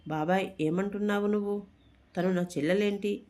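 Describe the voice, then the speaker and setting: A storybook narrator voicing a hot-tempered young man who shouts in outrage, in a mellow, dark voice. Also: medium pitch, fairly even intonation, moderate pace, close to an everyday voice. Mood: indignant.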